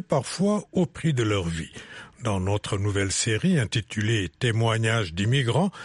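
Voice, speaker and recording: Husky-voiced male radio news anchor. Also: mid-range voice, no room sound. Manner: measured, formal delivery. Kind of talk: scripted radio news presentation.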